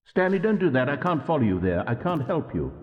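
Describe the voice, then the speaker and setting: An actor playing a fussy, needy video game narrator with a pompous, theatrical manner. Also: male voice, brisk, lo-fi sound, background noise. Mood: panicked pleading. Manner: theatrical, pompous, highly expressive.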